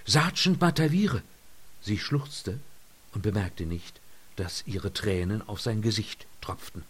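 A man narrating an audiobook in a measured, soft-spoken storytelling manner. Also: lowish voice, husky. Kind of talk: scripted narration.

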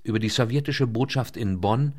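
A man reading a novel aloud in a measured, scripted way, slowing down on key words. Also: mid-range voice, a little mellow. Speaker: audiobook narrator. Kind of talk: scripted narration.

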